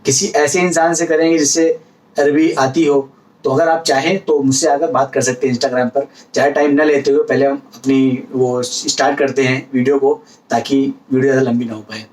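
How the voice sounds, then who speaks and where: A man's voice: medium pitch, level tone, normal speed, darkish tone, distant mic, low-quality recording. A man giving a casual spoken lesson, explaining words patiently with repetition and everyday examples. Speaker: language teacher vlogger.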